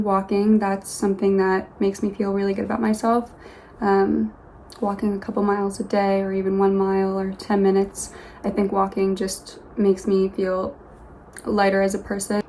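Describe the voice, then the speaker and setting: Soft-spoken young woman rambling in her bedroom. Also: medium pitch, a little hiss or hum, rough recording. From Los Angeles, USA. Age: young adult. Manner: soft, rambling, with many pauses and restarts. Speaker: vlogger. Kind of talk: casual get-to-know-me vlog. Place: her bedroom, sitting on a yoga mat. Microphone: phone camera.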